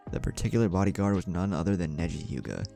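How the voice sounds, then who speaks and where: Reading fan fiction from a script, this man narrates quickly and expressively, performing the dialogue himself. His low, dark voice carries vocal fry, and music runs beneath it.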